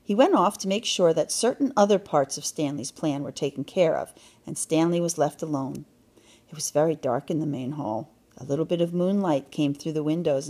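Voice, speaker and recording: A woman reading a children's storybook aloud in a calm, even narration. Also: sits low, creaky. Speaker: children's book reader.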